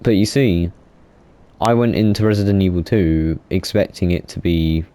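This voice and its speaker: Very deep-voiced young man rambling. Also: normal speed, mellow. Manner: rambling, self-correcting, many fillers. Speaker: gaming YouTuber. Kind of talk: casual gaming monologue.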